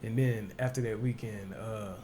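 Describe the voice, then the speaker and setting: A man co-hosting a podcast in casual chat, telling stories slowly and often saying "you know what I'm saying". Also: on the low side, steady tone, background noise. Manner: laid-back storyteller, says "you know what I'm saying" a lot. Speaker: podcast co-host.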